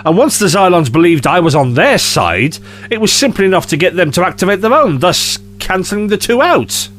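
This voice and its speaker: Breezy male alien adventurer, played by a man, teasing and theatrical, very lively, fairly high pitch, audio drama. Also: a little fast, faint music behind. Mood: apologetic. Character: breezy, cheeky alien time-traveller, playfully teasing adventurer.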